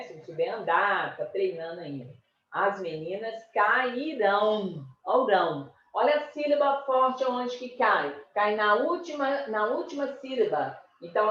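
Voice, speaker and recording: A woman with a Brazilian Portuguese accent teaching a primary school class, speaking slowly, repeating words and stressing syllables. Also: mid-range voice, a bit bright, a little hiss or hum. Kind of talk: recorded class lesson. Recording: echoey room, distant mic, dull sound.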